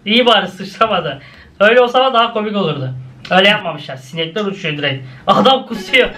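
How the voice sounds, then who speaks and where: Young male reactor, very high, sharp voice; excitable, jumpy commentary. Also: fast talker. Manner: exclaiming, laughing, swings between high and low. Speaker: YouTuber reacting to cartoons.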